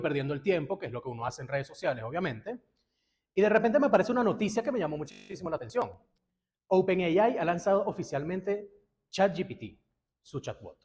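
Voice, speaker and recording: Young man, conference speaker, conversational storyteller, mid-high voice. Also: a little mellow. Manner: casual storytelling with acted-out reactions. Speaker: guest lecturer. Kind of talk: conference talk to a live audience.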